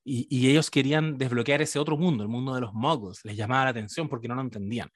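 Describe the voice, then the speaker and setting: A man with a Chilean accent speaks in an ordinary middle register in a lively, joking chat, often stopping to correct himself. The sound is dry and close, with no room around it. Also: mid-range voice, fast talker, no echo. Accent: Chilean Spanish. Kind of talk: casual chat.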